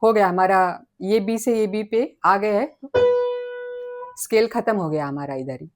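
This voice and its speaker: A woman giving a relaxed spoken piano lesson, patiently counting tones and semitones and singing note names as she plays. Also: medium pitch. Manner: slow and patient, counting notes aloud. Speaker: piano teacher.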